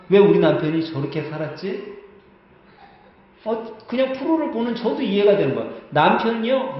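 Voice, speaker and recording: A male pastor preaching a sermon in a church sanctuary, telling a story in a conversational way and asking the congregation questions. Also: high voice. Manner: acts out quoted lines in other voices. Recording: heavy echo, dull muffled sound, church hall.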